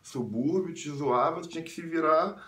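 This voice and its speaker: A young man from the suburbs of Rio de Janeiro with a Carioca accent, telling a story casually in slang and jumping into high squeals when he quotes people. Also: moderate pace, reverberant. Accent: Carioca Brazilian Portuguese. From Rio de Janeiro suburbs, Brazil. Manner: slangy, animated, jumps into high squeals when quoting others. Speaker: vlogger.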